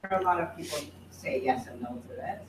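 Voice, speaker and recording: A man with a high voice asks probing questions from the audience and fusses over correct pronunciation. He sounds distant in an echoey room with noise behind. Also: fast. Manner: inquisitive, particular about pronunciation. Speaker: audience member asking questions.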